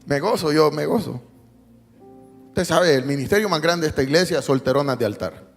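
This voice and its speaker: A man's voice: fairly high pitch, expressive, normal speed, vocal fry. Man preaching in an echoing church. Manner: storytelling with jokes, dropping to a hushed tone for emotional parts. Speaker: pastor. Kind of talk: sermon. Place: church sanctuary. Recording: long hall reverb, faint music behind.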